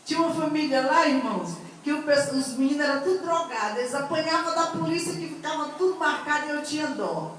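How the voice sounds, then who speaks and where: A middle-aged woman with a high voice tells her testimony as a sermon, turning often to the congregation. Her voice is picked up from a distance in a very echoey church hall, with faint noise behind it. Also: quick pace, hardly any pauses. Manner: lively storytelling, addressing the congregation as brothers. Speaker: preacher giving testimony.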